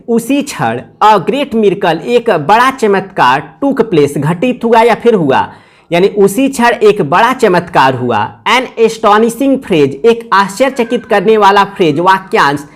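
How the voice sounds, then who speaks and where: A woman who teaches English explains a lesson line by line, reading each English phrase very slowly and carefully before glossing it in Hindi. Her voice is medium in pitch.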